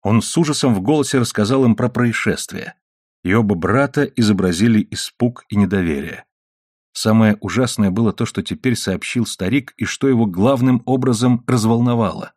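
A man narrates an adventure novel for an audiobook in a low, even voice. The sound is close and dry, with no room around it. He keeps a steady storytelling pace. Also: moderate pace, dry recording.

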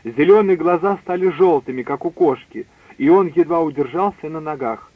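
A man narrating a story in a steady, measured reading. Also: a little high, no echo. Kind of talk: scripted audiobook reading. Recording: dry tinny phone-like line.

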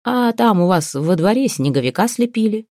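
A woman with a mid-range, darkish voice, moderately paced and with lively intonation, lightly acts the part of a mild, puzzled male guest asking questions, pitching above her natural voice. The studio sound is clean with no echo.

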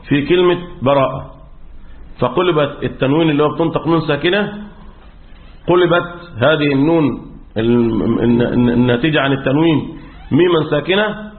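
A man teaching Quran recitation rules in Egyptian Arabic, asking questions and answering them himself, often clearing his throat. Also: fairly high pitch, roomy sound. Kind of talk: religious lesson on recitation rules. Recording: tinny phone-like audio.

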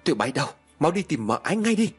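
A man's voice: mid-range voice, sing-song, quick pace, slightly rough, faint music behind. A man doing a panicky, stammering young husband. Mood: panicked. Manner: stammering, alarmed.

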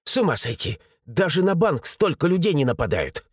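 A man voicing a flustered young male police assistant who talks in excited bursts. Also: on the high side, moderate pace, dry recording, studio quality, voice pushed up.

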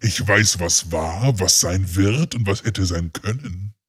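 A man voicing a demonic entity speaking through a possessed girl, in a slow, husky, menacing tone for a horror story reading. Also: low-pitched, no echo, clean studio sound, pitched below the performer's own voice, full character voice. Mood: sinister.

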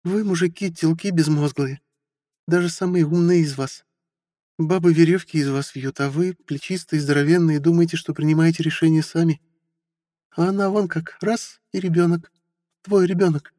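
A man's voice: on the high side, steady tone, moderate pace, warm tone, no echo, studio quality, long reverb tail, voice pushed up, lightly acted. A man reading an audiobook who voices a bitter, hurt forty-year-old wife with a sarcastic manner. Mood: reproachful. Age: 40s. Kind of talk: audiobook character voice.

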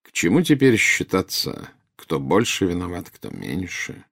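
For an audiobook, a man plays a cold, insinuating male double agent, his voice sitting low as he speaks in a measured, condescending manner. The mood is cold and silky.

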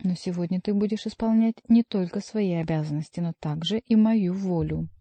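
A woman's voice: lowish voice, moderate pace, mellow, no echo. A woman voicing a stern male jester who scolds a monk, reading a storybook aloud. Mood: commanding.

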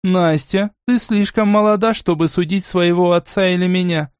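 A stern, aristocratic old grandmother played by a man speaks in a measured, cool, commanding way in this audiobook. Her voice sits a little high. The recording is dry and close. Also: steady tone, clear, resonant tone, no echo, close to an everyday voice. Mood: angry.

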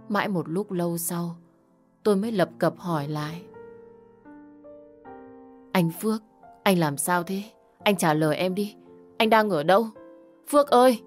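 A woman tells a first-person story in a soft, subdued, sorrowful voice. Her pitch sits a little low, and faint music plays beneath her narration.

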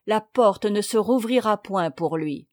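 A woman voicing a brave, devout young woman in a storybook reading, speaking calmly and firmly. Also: mid-range voice, unhurried, no echo, studio quality, close to an everyday voice. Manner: calm and firm.

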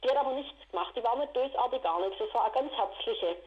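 A woman, telling her own story in an interview, indignant and rushed. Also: on the high side, expressive, narrow, tinny audio. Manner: agitated, indignant, rushed retelling. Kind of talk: emotional personal account.

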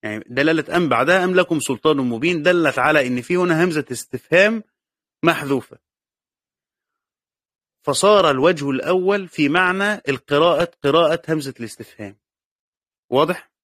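A man's voice: a little high, expressive, fairly quick, long pauses, a bit bright, no echo. A man with an Egyptian accent teaching a class. He reads a passage aloud, then explains it and repeats the key words. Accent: Egyptian Arabic. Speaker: teacher of Quran commentary. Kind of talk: classroom lecture reading and explaining a text.

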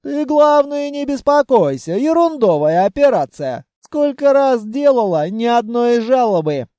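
A man's voice: extremely high pitch, very animated, measured pace, dark tone, no room sound, voice pushed up, full character voice. A man voicing a stern, fussing old grandmother who heals by magic in an audiobook. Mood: bossy. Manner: scolding, commanding.

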